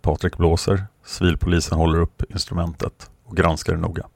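A man narrating a true story, reading passages from a book aloud with his own commentary in a steady, plain manner. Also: deep voice, creaky, slightly rough, no room sound. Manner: steady, plain, occasional hesitations.

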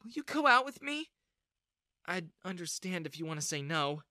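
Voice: medium pitch, sing-song, moderate pace, no room sound, studio quality, pitched above the performer's own voice. A storyteller voicing an outspoken young woman defending a friend. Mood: tender. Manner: fierce, then soft and shy.

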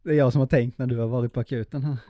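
A man's voice: medium pitch, fairly even intonation, dark tone. A man with a mixed Småland and northern Swedish accent, chatting casually as a podcast co-host. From Småland, Sweden. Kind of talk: casual chat.

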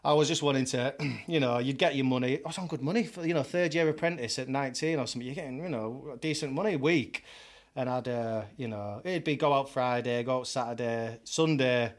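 A man's voice: mid-range voice, a little fast. A man, a podcast guest telling his story in a candid, chatty way, often laughing. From York, England. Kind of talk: casual storytelling.

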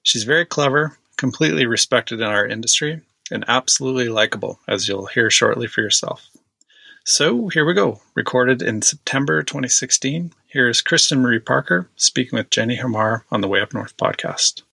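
A man reading a scripted introduction for a podcast, enthusiastic and warm in praise. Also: medium pitch, expressive, normal speed, creaky, breathy edge, no room sound. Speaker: podcast announcer.

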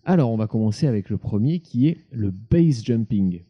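A man's voice: on the low side, expressive, normal speed, breathy edge, dull audio. A man giving a podcast's reporter segment, explaining things to listeners in a chatty, teacherly way from indoors at home. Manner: chatty and didactic, checks in with listeners.

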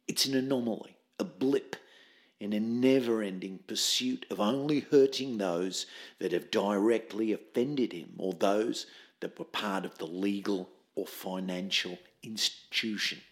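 An actor playing a pompous, theatrical drama-club man interviewed in a mockumentary, who talks in a formal, grandly measured way. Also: mid-range voice, fairly bright tone, slightly rough.

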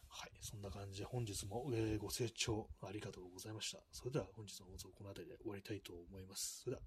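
A man's voice: on the low side, steady tone, very fast, a little hiss or hum. A man hosting a casual solo live stream, rambling and self-mocking, with many fillers. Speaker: live-stream radio host.

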